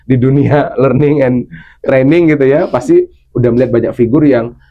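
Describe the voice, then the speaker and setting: A man's voice: medium pitch, dull audio. A man working as a public speaking coach, explaining how to use the voice in a casual interview and briefly acting out example voices. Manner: fast, animated explainer, acts out example voices. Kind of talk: coaching talk in a podcast interview.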